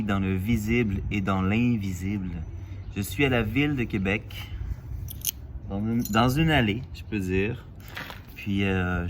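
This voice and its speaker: A man from Quebec with a Quebec French accent, musing aloud in a casual vlog, halting and full of fillers, outdoors in a city alley. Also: fairly low pitch, slight background noise. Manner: thoughtful, halting, with many fillers and restarts. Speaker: vlogger. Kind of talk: casual reflective monologue.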